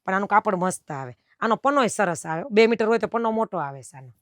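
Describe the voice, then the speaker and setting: A woman's voice: mid-range voice, expressive, quick pace, no echo, clean studio sound. A middle-aged woman who runs a dress fabric shop, chatting at length to camera about fabric cuts and quoting her customers. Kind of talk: casual talk to camera explaining fabric cuts.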